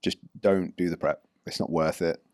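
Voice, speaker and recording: A man's voice: sits low, fairly even intonation, moderate pace, darkish tone, no echo, studio quality. A man, a fitness coach, co-hosting a casual podcast chat and rambling with many restarts.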